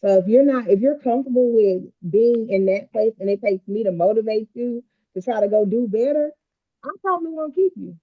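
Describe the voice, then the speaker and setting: A woman's voice: fairly high pitch, expressive, a little fast. A woman co-hosting a casual panel debate, talking frankly while her voice sounds muffled, as if heard through a wall. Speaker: podcast co-host. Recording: muffled, phone-like lo-fi mic sound.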